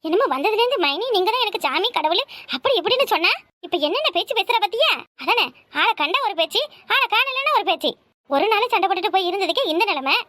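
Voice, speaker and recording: A woman voicing a sharp-tongued, grumbling young wife in a cartoon, with a Kanyakumari Tamil accent. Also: very high-pitched, lively intonation, quick pace, dry recording, studio quality, exaggerated voice. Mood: sarcastic. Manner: sarcastic, grumbling. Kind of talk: cartoon voice acting.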